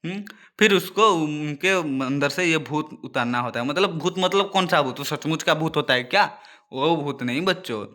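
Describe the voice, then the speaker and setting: Male teacher, story lesson for kids, explains word meanings, slightly high voice, bright and forceful. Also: moderate pace. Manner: addresses children often, explains word meanings. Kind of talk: reading and explaining a story to children.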